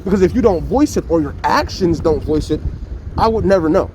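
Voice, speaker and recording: A man's voice: high-pitched, expressive, fairly quick, a little mellow, a little hiss or hum. A man talking through a face mask, arguing his opinions in an impassioned, insistent way and repeating phrases for emphasis. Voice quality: slightly muffled, speaking through a face mask. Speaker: interviewee giving opinions. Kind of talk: impassioned street debate.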